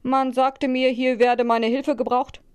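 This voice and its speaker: A woman's voice: sits high, little pitch movement, a little slow, a little mellow, smooth, pitched above the performer's own voice. Woman voicing a grumbly helpful dog, easygoing, storybook. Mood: grumbling.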